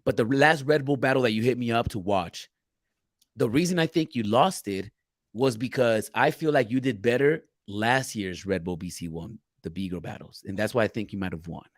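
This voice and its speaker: A man co-hosting a loose live-stream chat at a middle pitch, with dry, close sound. He speaks bluntly and swears casually, reading out viewer questions and riffing on them. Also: normal speed, no room sound. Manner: loose, profane, reads chat questions aloud. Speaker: podcast co-host.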